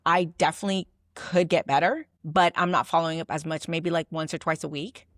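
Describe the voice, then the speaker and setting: A woman with a lowish voice gives a casual business lesson straight to camera. Her talk is loose and chatty, full of "like," and she acts out sample messages as she goes. The sound is close and dry, with no room echo. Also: fairly even intonation, fairly quick, fairly bright tone. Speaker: business coach.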